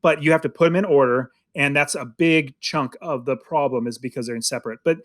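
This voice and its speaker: A man's voice: medium pitch, fairly quick. A man co-hosting a podcast, chatting casually about a movie in a rambling way with many restarts. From United States. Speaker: podcast co-host. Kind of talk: casual film review chat.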